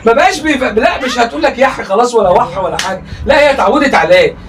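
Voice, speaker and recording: An Egyptian man with a very high voice rattles off teasing comedy commentary, laughing and exclaiming as he goes. He talks quickly, and he sounds a little distant from the microphone. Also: expressive, fairly bright tone, a little hiss or hum. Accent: Egyptian Arabic. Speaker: comedic reaction host. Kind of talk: mocking reaction commentary on a livestream.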